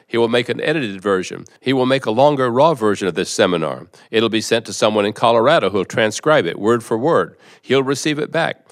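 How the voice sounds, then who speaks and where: Man reading as a calm wise spirit voice. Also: fairly low pitch. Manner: measured, explanatory, repeats "in other words". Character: calm spirit collective, patient wise teacher. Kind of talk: reading a seminar transcript aloud.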